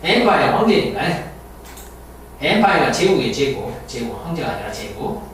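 A man's voice: mid-range voice, unhurried. A man teaching English vocabulary, drilling pronunciation by repeating each word. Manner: drills words by repeating them, animated teacherly delivery. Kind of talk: recorded vocabulary and pronunciation lesson. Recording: very echoey room, distant mic, faint hiss.

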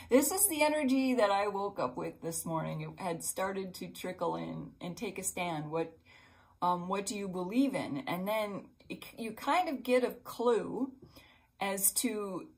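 A middle-aged woman giving a casual spiritual pep talk as a numerology reader, rambling and heartfelt, full of fillers and restarts, often dropping to a soft murmur. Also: mid-range voice, low-quality recording. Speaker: numerology and intuitive guidance reader.

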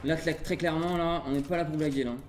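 A man from Burgundy streams a game live and talks to his viewers the whole time, joking, hyping himself up and swearing in a friendly way. His voice sits a little high. The room is echoey, and steady noise runs under everything. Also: quick pace. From Burgundy, France. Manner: playful, excitable, swears casually. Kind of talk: live gaming commentary.

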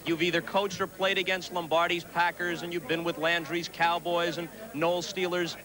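A man's voice: on the high side, flat delivery, normal speed. A man working as a sideline reporter, asking postgame questions in a polished broadcaster's manner into a handheld mic. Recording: noisy crowd behind.

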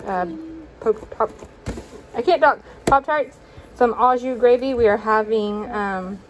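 A young woman with a slightly high voice talks casually into a handheld phone camera in her home kitchen. She chats along with plenty of fillers and stumbles, and faint household noise sits behind her. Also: rough recording. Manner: chatty, with fillers and self-corrections. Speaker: vlogger. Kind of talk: casual grocery haul narration.

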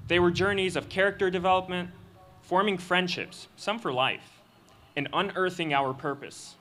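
A young man giving a student speech at a graduation ceremony, reading a prepared text into a podium microphone in an earnest, measured way. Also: high-pitched, steady tone, sharp tone. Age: young adult. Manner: earnest, measured delivery with occasional slips. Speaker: student commencement speaker. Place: outdoor stage of a graduation ceremony.

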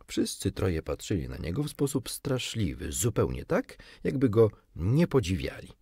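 Deep, husky-voiced male storyteller. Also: moderate pace, no room sound, clean studio sound. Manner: expressive, dramatic reading. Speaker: audiobook narrator. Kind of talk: scripted storybook narration.

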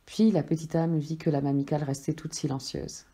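A woman, a life coach, reading a spiritual story aloud in a slow, gentle, measured way. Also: low voice, fairly even intonation, husky.

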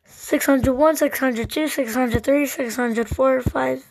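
A woman's voice: high-pitched, fairly even intonation, slow pace, vocal fry, a little mellow, poor audio. A woman hosting a casual vlog, counting numbers aloud one by one at a desk microphone with chatty asides. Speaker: channel host.

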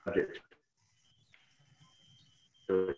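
Man on a breaking-up video call. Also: noisy background. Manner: measured, formal. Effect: audio breaking up over a failing video call. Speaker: applicant's representative. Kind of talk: formal submission to a planning panel. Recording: garbled, phone-like video call audio in an echoey room.

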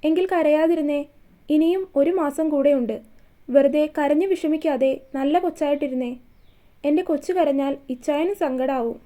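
Storybook reading: a woman voicing a fond, teasing young husband in a soft, mellow voice. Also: high voice, fairly even intonation, normal speed, lightly acted. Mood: tender. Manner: playful teasing.

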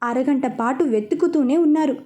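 A woman reading a romance serial aloud as a storyteller, in a steady narrating manner. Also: high-pitched, moderate pace.

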